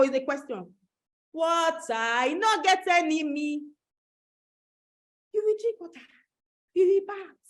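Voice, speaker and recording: A woman with a Nigerian accent giving a motivational webinar talk, animated, repeating phrases and asking the audience questions. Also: sits high, poor audio. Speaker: webinar host and coach.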